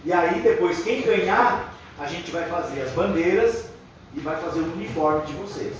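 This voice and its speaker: A man's voice: on the high side, normal speed. A man with a Brazilian accent addresses a class of children like a kindergarten teacher, encouraging them with simple instructions and checking questions. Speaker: workshop leader for schoolchildren. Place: roomy classroom indoors. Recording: echoey classroom with faint background noise.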